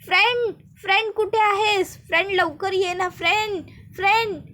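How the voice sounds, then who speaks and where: Brief: a high, shrill, whiny young woman, clingy and pleading, put on by a female storyteller. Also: fairly even intonation, moderate pace, a bit bright. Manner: whiny, repeating herself.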